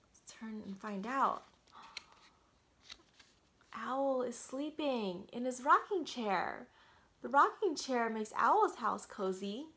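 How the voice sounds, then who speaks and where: Reading a picture book in a quiet little room at home, a woman in her thirties speaks slowly, her voice fairly high, leaving long pauses. She addresses the young child directly, animated and asking question after question.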